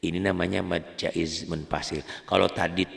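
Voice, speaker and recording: A low-pitched man with a gravelly, creaky voice teaches a beginner Quran reading lesson. He talks in a chatty, joking way, keeps repeating the rules, and chants each example word out loud. His voice rings with a long, echoing reverb. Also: flat delivery, normal speed.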